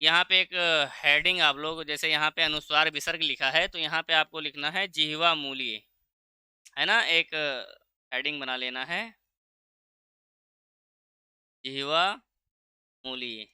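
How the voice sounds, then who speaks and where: A man with a high, bright, very crisp voice teaches an exam-prep lesson, recorded close and dry. He asks the class question after question and answers each himself, slowing down to stretch out the sounds he wants them to learn. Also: dry recording. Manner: drags out key sounds slowly when showing pronunciation. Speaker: Sanskrit teacher.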